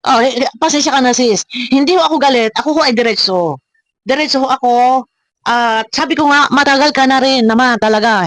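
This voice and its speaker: On a dry recording, a woman with a slightly high voice hosts a reaction video. She rants confrontationally at her critics, repeating herself and posing rhetorical questions.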